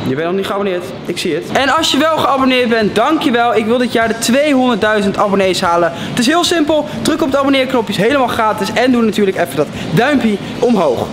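A man's voice: extremely high pitch, expressive, fast talker, few pauses, background noise. A man in his twenties with a Netherlands Dutch accent gives casual vlog commentary to a handheld camera in a large shop. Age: 20s. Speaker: vlog host. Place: large empty supermarket indoors. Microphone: handheld camera at arm's length. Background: music.

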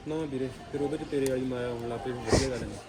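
A man's voice: medium pitch, steady tone, racing, darkish tone. A man with a Punjabi accent chatting casually with a friend, off-mic among other people. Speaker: friend of the vlogger. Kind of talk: casual chat.

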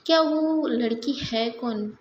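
High-voiced young woman telling a story. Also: takes it slowly, reverberant, highs cut off, slight background noise. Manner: conversational, mixes in English. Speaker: storyteller, channel host. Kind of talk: casual storytelling narration.

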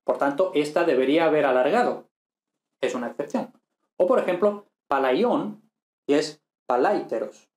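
A man's voice: mid-range voice, a little mellow, echoey room. A man teaching an ancient Greek lesson, explaining patiently and often checking in with "¿vale?" and "¿no?". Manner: patient, repeats points with frequent "¿vale?" and "¿no?".

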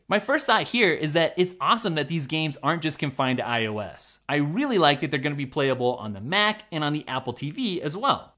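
Animated, opinionated tech vlog host. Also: medium pitch. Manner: opinionated, enthusiastic, with wry asides. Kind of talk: scripted tech commentary vlog.

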